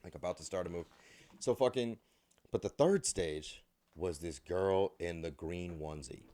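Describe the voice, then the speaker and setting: A young man with a deep, low voice rambles through a story on a casual podcast. He swears freely and jokes as he goes. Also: normal speed, warm tone. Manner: profane, rambling, jokey storyteller. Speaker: podcast co-host.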